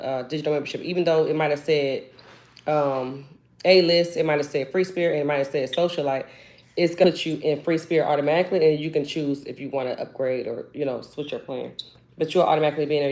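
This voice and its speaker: A woman from Cleveland hosting a live video call, chatting casually and loosely with her viewers. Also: low voice. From Cleveland, Ohio. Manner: relaxed, chatty, loose Southern-style slang. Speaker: host of a live hair care consultation. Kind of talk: casual live stream chat.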